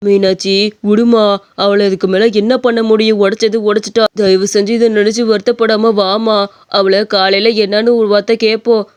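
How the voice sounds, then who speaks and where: A woman voicing a calm husband in a cartoon story, speaking soothingly. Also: mid-range voice, moderate pace, clear, resonant tone, pitched below the performer's own voice, lightly acted. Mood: consoling.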